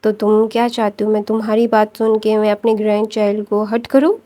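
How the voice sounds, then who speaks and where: A woman's voice: mid-range voice, little pitch movement, warm tone, lightly acted. A woman voicing a stern elderly grandmother who scolds her daughter in an emphatic, commanding way. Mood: scolding.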